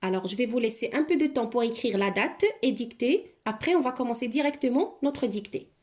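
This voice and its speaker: This primary school teacher's fairly high, expressive voice has a darkish tone and runs a little fast. She leads a children's dictation, enunciating every word and saying it twice, with a roomy echo around her.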